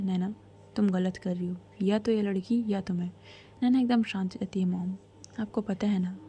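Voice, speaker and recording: A young woman tells a story in a loose, chatty way, turning to the listener with asides. Her voice is mellow and dark rather than bright, with a faint hiss of noise underneath. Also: mid-range voice. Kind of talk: casual spoken storytelling.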